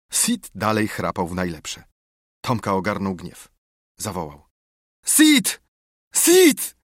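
A man reads a storybook aloud in a lively, rising-and-falling voice with a husky edge. The recording is close and dry, with no room sound. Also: lowish voice, no room sound. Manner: expressive storytelling. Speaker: audiobook narrator. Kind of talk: scripted narration.

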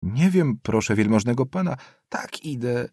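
A man's voice: medium pitch, animated, moderate pace, darkish tone, breathy edge, no room sound, pitched above the performer's own voice. Earnest deferential boy student, a male narrator giving him voice, dry and close. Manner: polite, deferential answers. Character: poor, earnest teenage boy student, polite.

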